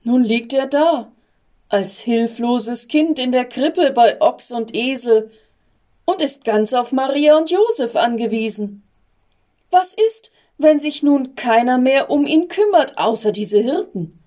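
A woman's voice: high-pitched, animated, takes it slowly, warm tone, pitched above the performer's own voice. A woman voicing an anxious, tender-hearted young male angel in a storybook reading, with a fretful, pleading manner. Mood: worried.

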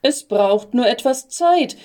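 A woman voicing a patient male archangel in a storybook reading, with a calm, measured, reassuring manner. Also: a little high, voice pushed up.

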